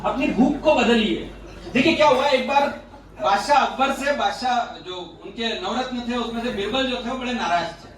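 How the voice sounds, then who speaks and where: A man's voice: very high voice, moderate pace. A man giving a joking motivational talk to an audience at a youth leadership session and teasing the listeners with questions. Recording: roomy echoey hall from far off.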